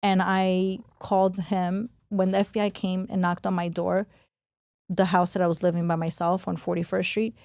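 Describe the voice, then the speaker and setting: A woman from New York, a podcast guest talking quickly and candidly, full of "like" and "you know", acting out remembered lines. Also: on the low side, flat delivery, creaky, a little mellow, no room sound, clean studio sound. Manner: rapid, full of "like" and "you know", re-enacts quotes. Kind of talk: candid conversational interview.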